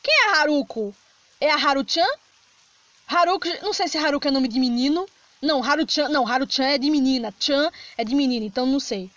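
A woman with a Brazilian Portuguese accent doing Let's Play commentary, chatty, reading game text aloud and reacting with quick jumps of fright. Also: high voice, a bit bright, dry recording. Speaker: gaming streamer. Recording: slightly dull lo-fi sound with game music.

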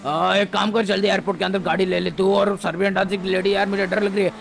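Man playing a gravelly gruff criminal. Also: high voice, little pitch movement, fast talker, slight background noise.

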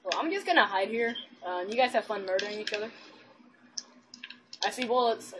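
A gaming channel host gives playful, giggly commentary over her own gameplay, teasing her friends as she plays. Her mid-range voice is expressive and brisk, with a noisy background and constant mouse and keyboard clicking.

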